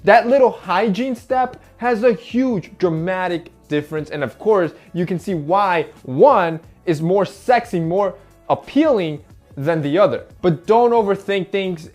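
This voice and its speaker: A man's voice: high-pitched, darkish tone. A man hosting a casual advice vlog, talking directly to viewers in a coaching way over faint background music. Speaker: men's style vlogger.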